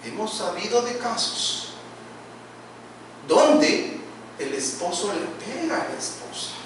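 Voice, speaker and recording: A man's voice: high voice, very animated, takes it slowly. A middle-aged male pastor preaching a sermon in a church, asking rhetorical questions and swelling in volume. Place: church sanctuary. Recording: echoey church hall, distant mic, noisy.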